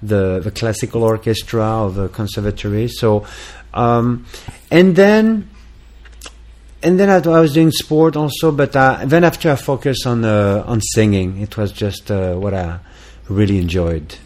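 A man's voice: fairly low pitch, unhurried, a little mellow. A man from France with a French accent, a musician guest in a casual interview, talking hesitantly with many fillers and restarts.

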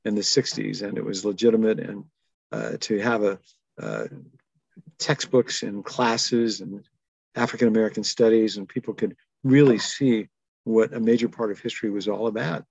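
A man in his seventies speaks in a gravelly, creaky voice. He reflects at an easy, thoughtful pace and leans into wry humor. The recording is dry and a little dull. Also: fairly low pitch, fairly even intonation, moderate pace, darkish tone, no room sound. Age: 70s. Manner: thoughtful, wry, chuckles between stories. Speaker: interviewee. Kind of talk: reflective conversational storytelling.

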